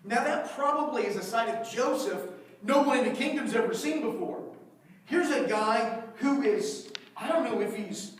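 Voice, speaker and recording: A high-pitched male pastor preaches in a big, echoing church sanctuary, heard from some distance away. He tells the story with animated energy and slips into the voices of its characters as he goes. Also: normal speed. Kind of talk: sermon.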